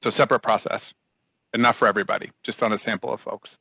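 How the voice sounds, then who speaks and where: Man, mid-pitch, halting explainer with lots of restarts, dry muffled call audio. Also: fairly even intonation, gravelly, slightly rough, no echo. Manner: halting, many restarts and fillers. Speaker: public health speaker. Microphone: video call.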